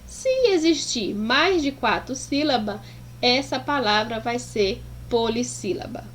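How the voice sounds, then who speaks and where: A woman's voice: on the high side, unhurried, fairly bright tone, a little hiss or hum. A woman teacher explaining a lesson to pupils, affectionate and sounding out words syllable by syllable. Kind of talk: slow, deliberate classroom explanation.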